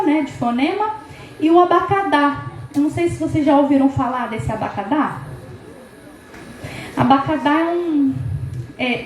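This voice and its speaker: A woman's voice: high-pitched, a little mellow, echoey room, slight background noise, rough recording. A woman with a Brazilian Portuguese accent giving a lecture to teachers, asking rhetorical questions and sounding out syllables as she explains. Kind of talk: education lecture.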